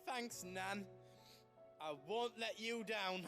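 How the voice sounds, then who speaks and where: An actor playing a gentle, loyal young man in a video game, earnest and a little hesitant. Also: high-pitched, steady tone, takes it slowly, exaggerated voice. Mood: earnest resolve. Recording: music behind the voice.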